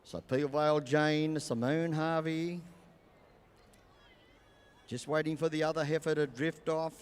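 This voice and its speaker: An older Australian man commentating live over an arena PA, with folksy showmanship and drawn-out phrasing. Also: fairly high pitch, fairly even intonation, smooth. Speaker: campdraft commentator and announcer. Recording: echoing arena PA, long reverb.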